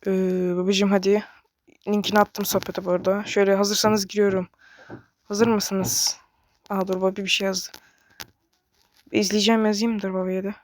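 A woman giving excited gameplay commentary, chatty and talking straight to her viewers, recorded on a bassy microphone. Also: moderate pace, long pauses, dry recording. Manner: excitable, frequently yelling to her game companion; chatty, addresses viewers directly. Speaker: gaming video creator.

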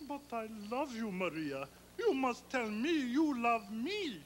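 A man's voice: extremely high pitch, expressive, normal speed, fairly bright tone, a little hiss or hum. A man playing a lovesick, grandiose flamingo opera singer in children's puppet comedy, with florid theatrical delivery and operatic crooning over music. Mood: hushed, devoted.

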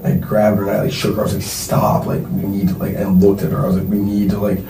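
A young man under police questioning, talking haltingly and filling nearly every phrase with "like". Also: deep voice, monotone, creaky. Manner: halting, filler-heavy, constantly says like. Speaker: suspect being questioned. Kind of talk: police interrogation. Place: police interview room. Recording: roomy distant recording with faint noise.

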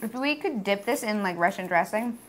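A woman's voice: medium pitch, animated, moderate pace, noisy background. A woman co-hosting a food tasting show, chatting casually and playfully. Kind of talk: casual chat while tasting snacks.

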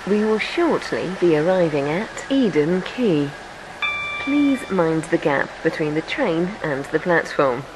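A woman's voice: low-pitched, sing-song, slow pace, pauses often, low-quality recording. A woman's recorded voice making automated onboard train announcements in polite, formal announcer phrasing. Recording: loud hiss with clicks.

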